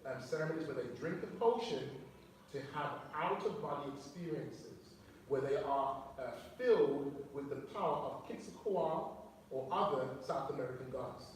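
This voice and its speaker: A man with a medium-pitched voice, speaking at normal speed, delivers a teaching sermon to his fellowship in a church hall. He explains words, reads quotes and puts questions to listeners. The mic is distant in a very echoey room with faint noise.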